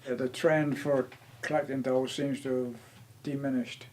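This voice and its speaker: A man's voice: medium pitch, very noisy. A man in his seventies chatting casually at home on camera, with a dry, teasing way of talking. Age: 70s. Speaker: interviewee.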